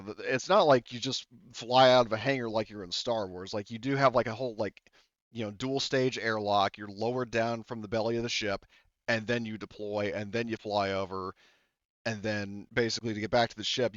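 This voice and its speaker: Speaking fairly quickly in a lowish, steady voice, this game master rambles through the rules of his tabletop game, stumbling over fillers and starting over often. The casual narration is captured as dull lo-fi audio without any echo.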